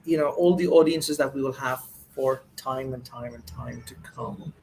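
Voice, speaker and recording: A man's voice: mid-range voice, normal speed, creaky, a little mellow, slight background noise, rough recording. A man hosting an interview show, effusive and full of thanks, with fillers and restarts. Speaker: host.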